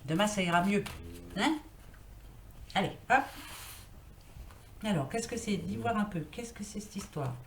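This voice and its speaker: A woman rambles casually through a tarot card reading, thinking out loud with plenty of fillers. Her medium-pitched voice is animated yet unhurried, with long pauses. She's on a built-in computer mic in an echoey room with faint noise.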